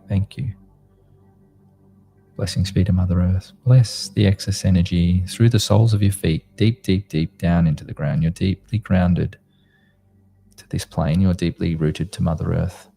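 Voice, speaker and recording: A man with a very dark, relaxed voice and a creaky edge leads a guided meditation over music. He speaks like a sleep story narrator, gently and soothingly, leaving space between short phrases. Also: deep voice, moderate pace. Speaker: meditation guide, host of a live group session.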